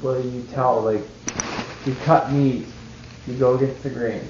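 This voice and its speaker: A man in casual chat, telling animated stories and acting out what others said. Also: mid-range voice, a little slow. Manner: animated storytelling, acting out quoted remarks. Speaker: cooking student. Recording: echoey room, dull lo-fi sound with faint noise.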